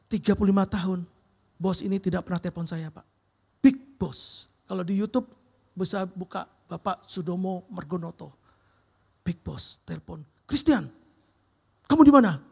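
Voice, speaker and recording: A man, preaching and telling a personal testimony in an animated storytelling manner, with slangy asides to his listeners. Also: high-pitched, gravelly, husky.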